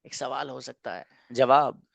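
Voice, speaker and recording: A man's voice: mid-range voice, unhurried, vocal fry, dry recording. A man teaching an English grammar lesson to a class, explaining in a playful way and acting out little mock dialogues.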